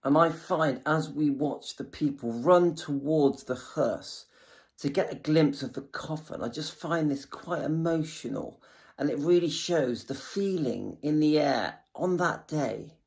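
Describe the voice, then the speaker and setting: A man's voice: fairly high pitch, measured pace, gravelly, a little mellow. A man hosting and giving casual, reflective commentary on archive footage.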